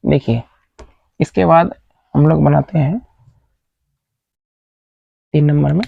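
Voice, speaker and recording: A man's voice: on the high side, takes it slowly, gravelly, breathy edge, no room sound. A man teaching a grammar lesson, spelling words letter by letter and asking questions he then answers himself. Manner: asks the class questions, then answers them. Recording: dull lo-fi dry recording.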